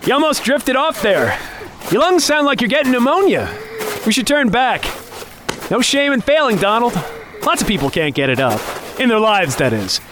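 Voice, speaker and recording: A man's voice: extremely high pitch, sing-song, moderate pace, noisy background. A man playing a younger office underling on a hunt, talking on with mock cheer, taunts and menace in a dramatic audio story. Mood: taunting. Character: younger male office underling, falsely chummy, needling, menacing hunting companion. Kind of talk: dramatic audio fiction acting.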